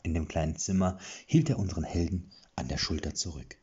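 Deep, expressive male storybook narrator, lively pitch, dull lo-fi recording. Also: brisk, slightly rough. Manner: expressive, acts out dialogue.

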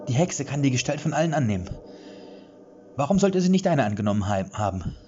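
A man voicing a fierce young woman warrior who shouts threats in panic. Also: medium pitch, sing-song, brisk, highs cut off, a little hiss or hum, pitched above the performer's own voice, close to an everyday voice. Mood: threatening.

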